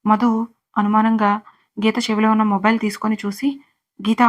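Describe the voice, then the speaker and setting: Storyteller, woman, flat even narration, steady reading. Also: medium pitch, a little fast. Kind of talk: scripted serial story narration.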